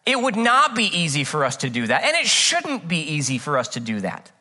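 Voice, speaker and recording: A man delivers an earnest, conversational sermon, moving between scripture reading and humorous personal stories. His voice sits a little high for a man and has a bright, forward ring. He often stalls on repeated "uh" fillers as he gathers his thoughts. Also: huge pitch swings, a little fast. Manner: earnest and chatty, with frequent "uh, uh" fillers; tells personal anecdotes with humor. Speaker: pastor.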